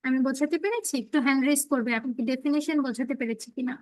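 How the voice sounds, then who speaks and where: A young woman teaches an online class in a high, clear voice, recorded close and dry with no room sound. She explains patiently and reads definitions out very slowly. She keeps calling on students to check that they have followed. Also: no echo, rough recording. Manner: checks understanding, calls on students. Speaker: English teacher.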